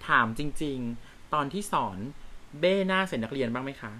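Woman co-host, very low voice, lively melodic delivery, asks questions, casual chat. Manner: prompting questions and quick agreement.

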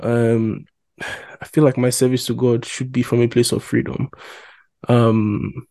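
A young man talks through his thoughts slowly, hedging with fillers as he works out what he means. His voice is mellow and soft-edged. The recording is dry and close, with no room sound. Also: medium pitch, level tone, creaky, no room sound. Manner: reflective, hesitant, thinks aloud with many fillers. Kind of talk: casual chat.

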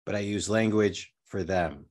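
A man's voice: deep voice, measured pace, a little mellow. A man talking casually as a podcast guest, telling anecdotes in a conversational way. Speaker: podcast guest, business coach and speaker.

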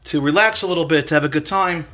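A man's voice: fairly high pitch, quick pace, bright, forceful tone. Man doing stammering nervous servants.

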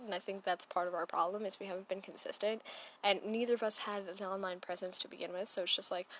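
A woman's voice: medium pitch, slight background noise. Rambling young woman hosting a podcast. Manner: rambling, filler-heavy, self-deprecating. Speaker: podcast host. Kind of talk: casual solo podcast chat. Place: home, sprinklers outside.

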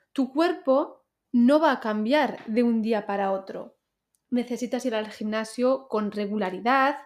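Clear-voiced Spanish teacher woman. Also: on the high side, darkish tone. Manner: clear, deliberate teaching delivery, addresses listener directly. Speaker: Spanish pronunciation teacher, podcast host. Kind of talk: podcast lesson for learners.

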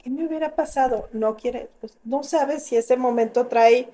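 A middle-aged woman with a Mexican accent, telling lively stories about motherhood in a casual group chat and acting out what she once said. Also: high-pitched, moderate pace, slight background noise. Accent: Mexican Spanish. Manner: animated storyteller, acting out her own past lines.

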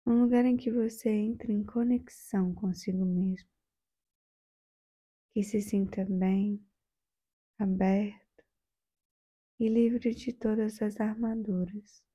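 Speaking softly and soothingly, a Brazilian-accented woman guides a meditation, gentle throughout and leaving long pauses. Her pitch is medium, her tone steady, and the sound slightly rough.

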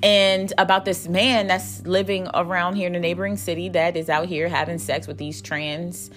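A woman telling a story casually to her viewers, animated and swearing freely, her laughter never far off. Her voice sits a little low, with faint music underneath. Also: moderate pace. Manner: animated, profane storyteller who laughs between lines.

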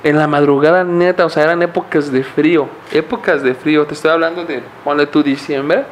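A man's voice: a little high, fairly even intonation, brisk, a little hiss or hum. A young man with a Mexican accent, a podcast co-host telling a story in casual chat, rambling and full of slang and fillers.

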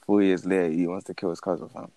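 A man's voice: deep voice, little pitch movement, quick pace, dark tone, dry recording. A young man in his late teens with a London roadman accent, hosting a podcast in casual, slangy banter with friends. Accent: London, urban roadman slang style. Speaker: podcast host.

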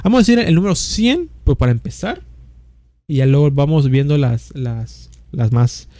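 Male podcast co-host, northern Mexican accent, relaxed dark tone, slangy, repetitive, wandering casual talk. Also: a little high, moderate pace, no room sound. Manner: slangy, rambling, repeats himself. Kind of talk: casual chat.

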